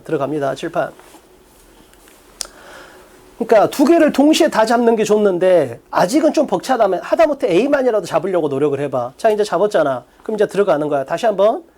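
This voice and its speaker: A man teaching an exam-prep English class, prodding his students with quick rhetorical questions. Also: high voice, darkish tone. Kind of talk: lecture.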